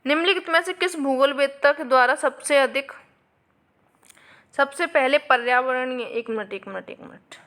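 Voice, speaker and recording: A female teacher leads an exam question walkthrough, explaining the answers, repeating key points, and calling on viewers with a frequent "आपके." She has a high-pitched voice that sounds pushed and bright.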